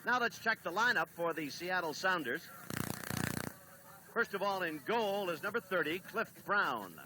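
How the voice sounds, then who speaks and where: Brief: man, raised pitch, play-by-play announcer, old noisy TV broadcast. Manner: brisk, reads lineups and notices. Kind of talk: 1970s TV sports broadcast. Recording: old TV broadcast with steady noise.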